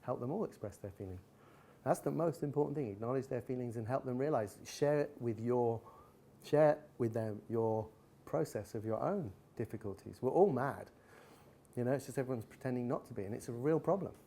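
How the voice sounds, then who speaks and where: Speaking at a medium pitch and a bit quickly, a man gives a candid live talk as a guest speaker, with chat from the audience. He tells personal stories and brings them to life by acting out animated retellings.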